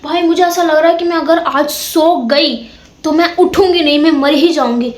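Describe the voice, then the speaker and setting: A young woman with a very high voice tells a ghost story in a casual, dramatic way. She piles up repeated words to build suspense. Her voice rings in an echoey room. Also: normal speed.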